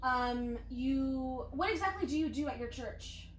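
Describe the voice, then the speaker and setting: High-voiced woman hosting a casual interview. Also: expressive, measured pace, a little hiss or hum. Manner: chatty, giggly, many "um"s. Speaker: interview host. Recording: echoey room.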